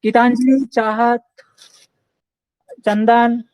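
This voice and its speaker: Speaking very slowly and flatly, a man with a very high but darkish voice teaches a live online engineering class. He answers his own questions and repeatedly checks with "okay" and "clear?", mixing Hindi and English technical terms. There's no echo, but the audio is poor.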